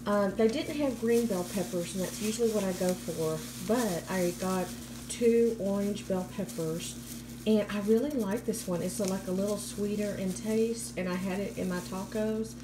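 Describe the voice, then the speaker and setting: A woman's voice: mid-range voice, moderate pace. An American woman in her thirties narrating a haul in a chatty, informal way, as a vlogger on a handheld phone. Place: home kitchen, indoors. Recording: clear background room noise.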